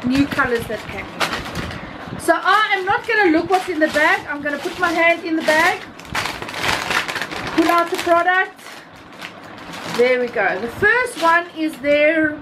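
High-pitched South African woman, noisy recording. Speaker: beauty vlogger. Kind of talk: casual product review. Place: small room indoors. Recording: clearly noisy home recording, ambient hum.

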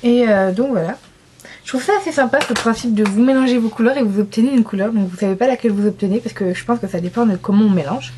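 A fairly high-voiced young woman from France talks through her makeup swatches in a loose, chatty way, gushing over colors and poking fun at herself. Faint room ambience hums behind her. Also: fast talker, warm tone, slight background noise. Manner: chatty, enthusiastic, self-mocking with frequent laughs. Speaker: beauty vlogger. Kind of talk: casual makeup swatch review.

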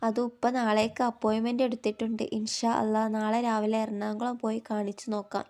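A woman voicing a loving older father who gently consoles his daughter. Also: on the high side, flat delivery, a little fast, lightly acted. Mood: gentle.

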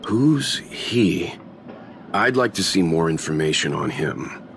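An actor playing a calm, serious older investigator in a video game, measured and steady. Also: male voice, sits low, gravelly, slight background noise, full character voice. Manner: measured and steady, gently correcting. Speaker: game character.

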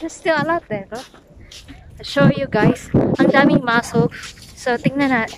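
Amid a noisy background, a young woman from the Philippines talks at normal speed in a high-pitched voice. A Bisaya-speaking vlogger with a Filipino accent, she casually chats in hesitant English to her handheld selfie camera, in a van and then out on a sandy beach.

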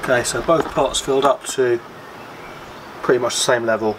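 A man's voice: mid-range voice, fairly even intonation, moderate pace, echoey room, background noise. A man, explaining a gardening experiment step by step in a matter-of-fact way. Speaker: gardening vlogger. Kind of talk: casual how-to explanation. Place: small room indoors, then back garden.

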